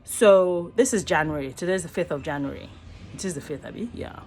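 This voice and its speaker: A middle-aged Nigerian woman, an actor and voice artist, muses earnestly and ramblingly in a selfie vlog from a small room, often pausing to rephrase. Her voice sits on the low side, a bit fast and a bit mellow. It is recorded on a phone held at arm's length, with a little hiss or hum.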